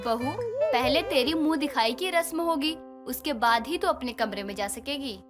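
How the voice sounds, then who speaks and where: A woman voicing a quiet, worried middle-aged mother-in-law who scolds gently. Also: high-pitched, normal speed, natural voice. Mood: fretful. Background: background music.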